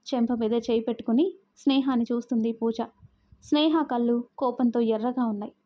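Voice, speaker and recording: A woman storyteller giving a steady, expressive scripted narration of a love story. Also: a little high, a little fast. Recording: muffled lo-fi audio.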